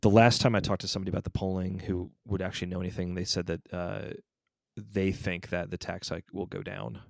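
A man's voice: low voice, level tone, a little fast, gravelly, no room sound. A man in his forties co-hosting a podcast, chatting casually and rambling through stories with frequent self-corrections. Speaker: podcast co-host. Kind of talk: casual chat.

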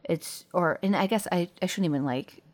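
A young woman co-hosting a podcast, talking in a hesitant, halting way with many fillers and restarts. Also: fairly low pitch, darkish tone. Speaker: podcast co-host. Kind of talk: casual intimate conversation.

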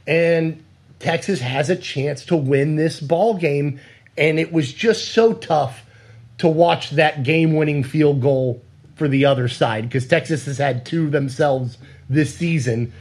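A man's voice: on the high side, unhurried, a little mellow. A man hosting a sports podcast, chatting casually and steering the talk with questions. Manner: conversational, leads the questions. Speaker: podcast host.

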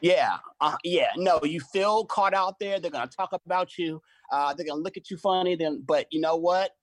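A middle-aged man in casual conversation, an animated storyteller who acts out his own quoted lines. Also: on the high side, normal speed, dry recording. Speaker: choreographer and podcast guest.

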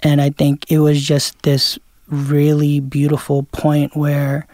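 A man's voice: a little high, completely flat delivery, slow, a little mellow, no echo, studio quality. A man from Queens, a DJ guest talking loosely in an interview, full of fillers and restarts. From Queens, New York. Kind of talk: casual interview chat.

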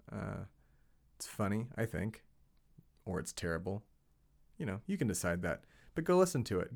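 A man's voice: on the low side, vocal fry. A man hosting his own podcast, giving a casual, rambling solo update with self-mocking asides. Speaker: podcast host.

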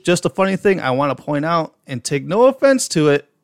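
Co-hosting a casual podcast, a man with an Upper Midwest American accent tells stories, reads listener messages aloud, and swears at times. He talks briskly in a slightly high voice with big pitch swings. It's a dry, studio-quality recording.

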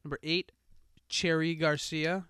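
A man's voice: fairly high pitch, little pitch movement, measured pace, sharp tone, clear, resonant tone, no echo, clean studio sound. A young man co-hosting a casual podcast, joking, laughing and reading listener emails aloud. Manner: jokey, laughs often, reads emails aloud. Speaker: podcast co-host.

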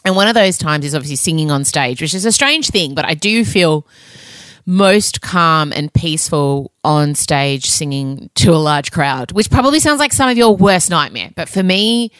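Low-voiced woman, candid podcast chat. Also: expressive, moderate pace, a bit bright, no echo. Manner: candid, chatty, self-mocking, sweary. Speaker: podcast host. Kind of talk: casual confessional podcast monologue.

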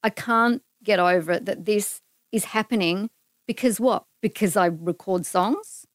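A woman's voice: medium pitch, unhurried, no echo. A middle-aged Australian woman, a guest in a casual interview, telling a personal story earnestly and animatedly. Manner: earnest, animated retelling with acted-out quotes.

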